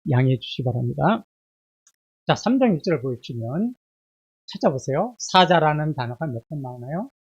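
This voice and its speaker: Pastor guy preaching with a bad cold, loads of rhetorical questions, gets loud then goes quiet, church. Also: a little high, very animated, moderate pace, slightly rough, muffled recording. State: has a bad cold with fever. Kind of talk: sermon. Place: church sanctuary.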